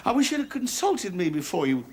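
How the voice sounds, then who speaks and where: An actor playing a fussy, harassed suburban husband in a studio sitcom, flustered and sarcastic. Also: male voice, high-pitched, big pitch swings, brisk. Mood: grumbling. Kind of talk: 1980s studio sitcom acting. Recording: TV studio audience laughter, noisy. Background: studio audience laughter.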